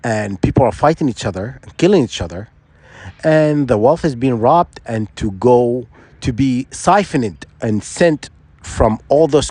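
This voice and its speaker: A Sudanese man, a vlogger, delivers an insistent, rambling opinion monologue full of restarts and rhetorical questions. His voice is medium-pitched with a darkish tone, and the recording is dry.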